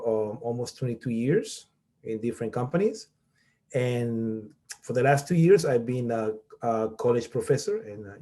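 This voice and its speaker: In an online workshop, a middle-aged man from Peru teaching as a college professor lays out his explanation step by step, with frequent "okay?" check-ins. The voice is medium in pitch and dark in tone.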